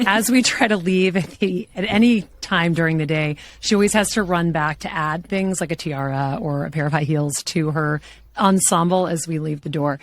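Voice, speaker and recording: A middle-aged woman from Louisiana hosting an interview show, upbeat and quick to laugh. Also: on the low side. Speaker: podcast host.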